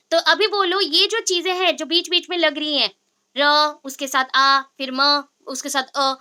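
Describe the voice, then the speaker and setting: A woman's voice: very high-pitched, sharp tone. A woman teacher giving a lecture, explaining step by step and quizzing her students with repeated questions. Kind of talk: classroom lecture.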